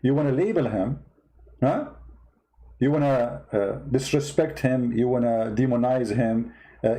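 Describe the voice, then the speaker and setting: This host commentator is a non-native English speaker with a foreign accent, and his voice is medium-pitched and mellow. The recording is low quality. He fires off rhetorical questions again and again in heated, mocking political commentary.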